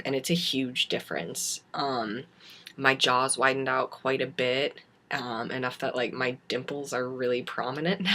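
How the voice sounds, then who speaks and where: A young adult man with a raspy smoker's voice, chatting casually and haltingly in a video diary. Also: medium pitch, sharp tone. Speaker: vlogger giving a transition update.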